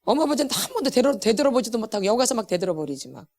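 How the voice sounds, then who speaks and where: A middle-aged woman teaches a church healing class in a slightly high voice, speaking rapid-fire. She's animated and emphatic, repeating words for stress and laughing between lines in this church lecture.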